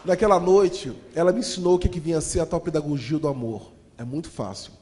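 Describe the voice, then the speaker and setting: A Brazilian man with a Brazilian Portuguese accent telling his life story as a motivational speaker, lively and addressing the audience directly. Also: a little high, fast talker, heavy background noise. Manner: lively, acts out voices, addresses audience as "gente". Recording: long hall reverb.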